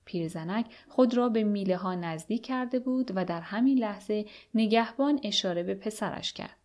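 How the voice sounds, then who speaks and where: Brief: woman audiobook narrator, even and measured storytelling. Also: mid-range voice. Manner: steady, measured first-person narration. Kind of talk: audiobook reading of a novel.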